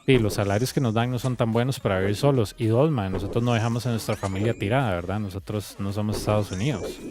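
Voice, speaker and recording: Young Costa Rican guy streaming a game, mid-pitched, laid-back storyteller who swears a lot, soft music underneath. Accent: Costa Rican Spanish. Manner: loose, rambling storytelling with frequent swearing. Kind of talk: casual chat with viewers while playing.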